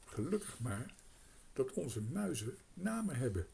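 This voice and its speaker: A man's voice: medium pitch, measured pace, creaky, a little hiss or hum. A man voicing a spirited, protective young girl in a storybook reading. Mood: lively. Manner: lively, protective.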